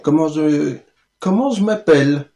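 A man's voice: fairly high pitch, unhurried, gravelly, warm tone, a little hiss or hum. A man playing a pompous, evasive and comically indignant lawyer in a radio play. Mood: cocky. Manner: pompous, theatrical.

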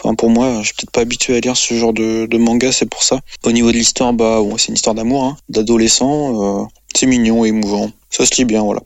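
A man's voice: mid-range voice, level tone, fast talker, hardly any pauses, dry recording. A man presenting a manga review column on the radio, casual and hesitant, with many fillers and restarts.

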